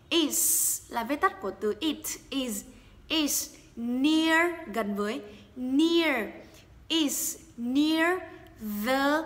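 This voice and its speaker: A woman teaching an English lesson, repeating each phrase slowly for learners, then explaining it quickly. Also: high voice, pushed and bright, big-room sound. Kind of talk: bilingual language lesson, slow drills.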